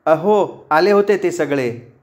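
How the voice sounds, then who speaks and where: A man voicing an excitable, loud young woman student living abroad, talking quickly and impatiently. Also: fairly high pitch. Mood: excited, impatient.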